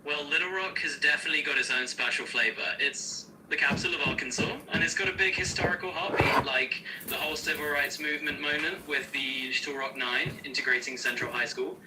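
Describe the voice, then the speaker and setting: A man's voice serving as an AI co-host, answering questions in a smooth, upbeat, explanatory way with casual slang. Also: fairly high pitch, a little fast, hardly any pauses, distant mic, background noise. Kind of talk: conversational Q&A co-hosting.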